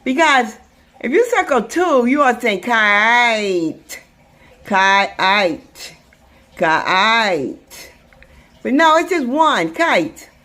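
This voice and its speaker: Female teacher, phonics lesson, lively pitch, sounds words out and repeats them. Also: unhurried. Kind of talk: slow, drawn-out phonics lesson.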